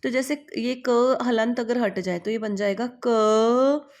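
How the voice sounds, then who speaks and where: Slow, gravelly woman teacher. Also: fairly high pitch. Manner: patient, drawn-out recitation of letters, addresses students as beta. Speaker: Sanskrit teacher. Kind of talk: online grammar lesson.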